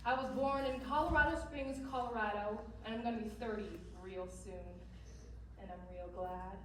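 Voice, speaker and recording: Brief: woman as a drawling, sardonic dancer; high voice, distant hall echo. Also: moderate pace, natural voice. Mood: wry. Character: dry, sardonic woman dancer near thirty. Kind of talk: live stage musical acting. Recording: distant echoey stage recording with hall noise.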